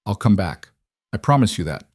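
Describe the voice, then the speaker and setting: A man's voice: fairly low pitch, sing-song, normal speed, darkish tone, breathy edge, no echo, clean studio sound. A man playing a stern, ruthless cattle baron who talks in clipped, curt sentences.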